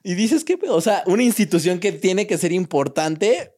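A man's voice: high-pitched, normal speed, a little mellow. A young man with a Mexican accent, chatting casually on a podcast, slangy and full of restarts and fillers. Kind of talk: casual chat.

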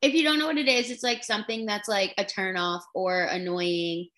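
A woman's voice: medium pitch, steady tone, a bit bright. A young woman co-hosting a casual chat podcast, laughing a lot and filling her speech with "like". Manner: laughing, filler-heavy, quick agreeing. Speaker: podcast co-host.

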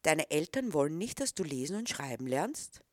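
A woman's voice: sits low, sing-song, normal speed, darkish tone, no room sound, studio quality. A woman reading a stern, probing middle-aged man. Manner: probing, disapproving questions.

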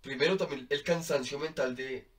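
A man's voice: mid-range voice, moderate pace. Colombian man telling a story, distant mic. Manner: animated, laughs often, fills with "como". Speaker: podcast guest. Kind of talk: casual storytelling.

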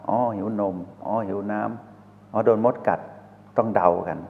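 A man giving a slow, measured dharma talk as a spiritual teacher, posing rhetorical questions to listeners. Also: on the low side, steady tone. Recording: reverberant hall over a tinny phone-like line.

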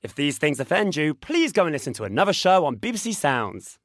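A man's voice: fairly high pitch, sing-song, a little fast, fairly bright tone, no room sound. A man hosting a radio show, camp, playful and gushing with his guests in the studio. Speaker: radio host.

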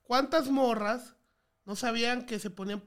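Joking young Mexican man, high voice. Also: steady tone, normal speed. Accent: Mexican Spanish. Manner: loud, joking, laughs often, slangy. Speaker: podcast co-host. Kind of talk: casual comedic chat.

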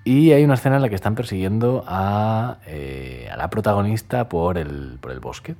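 A man co-hosting a podcast, chatting casually and telling stories with animated delivery. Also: moderate pace. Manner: animated storytelling, bursts into high shouted impressions. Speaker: podcast co-host. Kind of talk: casual chat.

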